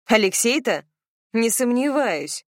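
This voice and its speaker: A woman voicing a practical young woman who reassures her friend in a brisk, lively way. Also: mid-range voice, no room sound, clean studio sound, natural voice.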